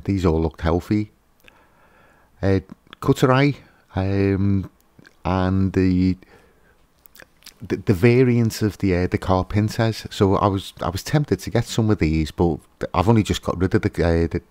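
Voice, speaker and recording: A man's voice: deep voice, unhurried, darkish tone, no room sound. A man hosting a fishkeeping channel, giving a casual, hesitant voice-over with lots of fillers and restarts.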